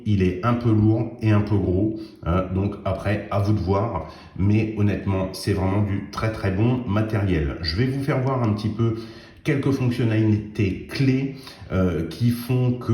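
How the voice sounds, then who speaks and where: A man's voice: low-pitched, dark tone. A man giving a casual, explanatory product review and tutorial, offering his opinions as he goes and often adding small tag words. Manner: explanatory, opinionated, frequent 'hein' tags. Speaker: radio equipment reviewer. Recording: roomy, echoey indoor recording.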